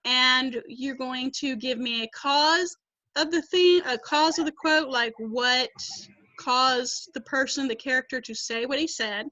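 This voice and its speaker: Over a video call, a woman teaching an online class speaks at a measured pace in a high, bright, forceful voice. She explains patiently and reads quotes aloud, and the laptop mic yields a dry, dull lo-fi recording.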